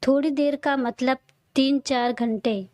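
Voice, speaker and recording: A woman's voice: high voice, fairly even intonation, measured pace, darkish tone, dry recording. A woman voicing a cheerful, teasing young man who is a loyal friend, in a read-aloud audio story. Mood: friendly.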